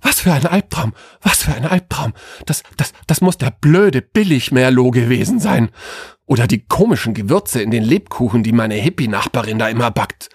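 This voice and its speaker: A man's voice: medium pitch, expressive, normal speed, breathy edge, dry recording, studio quality. A man voicing a flustered, hungover young woman in a comic audio story, rambling in a panic.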